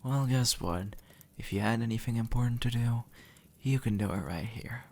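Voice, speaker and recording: A man voices an impatient, sardonic demon, centuries dead, in a conversational audio roleplay aimed straight at the listener. The character is blunt, sarcastic and exasperated, though gruffly reassuring. His mid-range voice, close to an everyday one, has a darkish tone and a moderate pace.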